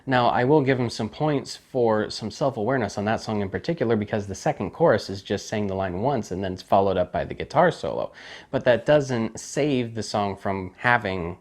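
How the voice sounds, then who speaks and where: A man's voice: fairly low pitch, expressive, moderate pace. A man giving a casual, candid spoken album review with a critical, conversational manner. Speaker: music reviewer.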